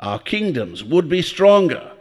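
A stately fairytale king, with a fairly high, lively voice ringing in a reverberant hall. He speaks slowly and formally, with a touch of pomp. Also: breathy edge, full character voice. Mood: formal, earnest. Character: courtly, dignified visiting king and father. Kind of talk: fairytale audio drama acting. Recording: long reverb of a great hall.

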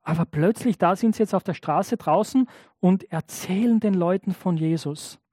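A man's voice: high voice, moderate pace, warm tone, no echo, studio quality. A man preaching a sermon in a conversational way, often checking in with the congregation. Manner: acts out biblical and imagined speakers in changed voices.

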